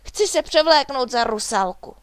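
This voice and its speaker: A woman's voice: sits high, big pitch swings, clear, resonant tone, dry recording, pitched above the performer's own voice. A woman voicing a small, cheerful male dragon in a storybook, with a curious, eager way of talking.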